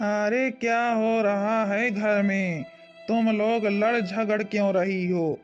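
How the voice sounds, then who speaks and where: Voice of an earnest cartoon husband, flat delivery. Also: medium pitch, takes it slowly, soft background music, lightly acted. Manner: pleading, earnest. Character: young husband, drinker turned remorseful. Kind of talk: Hindi cartoon voice acting. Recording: dull lo-fi sound.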